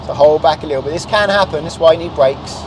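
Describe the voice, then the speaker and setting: Inside a small car, a British driving instructor in his thirties speaks fast in a fairly high voice, instructing his learner with brief directions and questions to check understanding. His clip-on lapel mic picks up road and engine noise as well as crowd noise.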